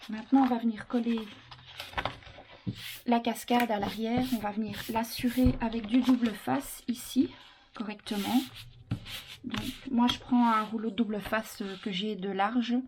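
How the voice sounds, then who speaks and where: A woman's voice: a little high, steady tone, a little slow, long pauses. Woman giving a craft tutorial, noisy recording. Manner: instructional, talking while working. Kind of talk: informal step-by-step hands-on tutorial. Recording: clearly noisy with handling clicks.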